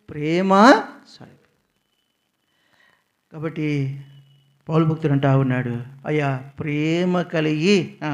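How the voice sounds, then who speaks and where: High-voiced male preacher quizzing his flock. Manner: keeps asking the congregation questions and answering them himself; repeats key words with sudden loud emphasis. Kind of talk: sermon. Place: prayer house.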